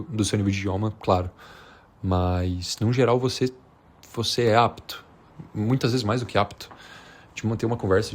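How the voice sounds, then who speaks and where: With a fairly low, darkish voice and slight background noise, this Brazilian-accented man from Minas Gerais talks to camera as a vlogger. The chat is unscripted and casual, slangy, hesitant, and rambling.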